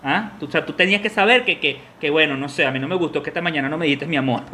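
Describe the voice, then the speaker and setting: A man's voice: fairly high pitch, very fast, bright, forceful tone, slight background noise. A man with a Venezuelan accent co-hosting a casual chat, telling stories and acting out voices, laughing often. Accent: Venezuelan Spanish. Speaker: podcast co-host.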